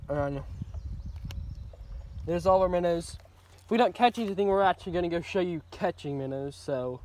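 A man's voice: high voice, moderate pace, a little mellow, slight background noise. A man vlogging while fishing outdoors by a pond, talking casually and a little mumbled from the sunflower seeds in his mouth. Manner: rambling, chatty. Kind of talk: casual chat to camera.

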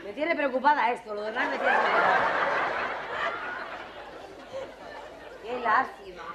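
An actress playing a luckless jilted woman in a stage comedy, swinging from quick comic asides to tearful pleading, in a 1980s televised theater recording with audience laughter. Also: fairly high pitch, echoey room, a loud crowd, heavy background noise, lightly acted. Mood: comic lament. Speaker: lead actress in a stage revue.

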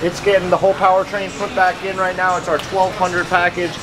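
A man's voice: sits high, monotone, fairly quick, music in the background, rough recording. A man in his thirties giving an upbeat, plain-spoken walkthrough of a car workshop. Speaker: shop manager giving a tour. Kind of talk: casual walkthrough vlog. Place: large indoor vehicle workshop. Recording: workshop noise behind.

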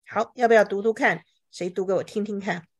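A woman teaching English words to a class, asking questions, drilling each word slowly and saying OK a lot. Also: mid-range voice, fairly even intonation. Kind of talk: bilingual vocabulary lesson to a class.

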